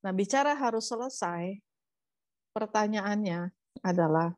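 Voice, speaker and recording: A woman pastor preaches in a casual, chatty way, lively and conversational. Her voice sits at a middle pitch. The recording is dry and close. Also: a little slow, no echo. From Indonesia. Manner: chatty, lively, acts out quotes. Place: church.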